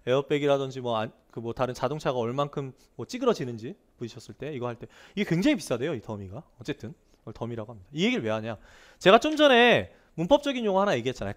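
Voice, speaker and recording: A man teaches grammar in a fast, lively lecture. His voice sits a little high and swings widely in pitch. He keeps asking his students rhetorical questions and repeats key words to drive them home. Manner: animated, asks students frequent rhetorical questions.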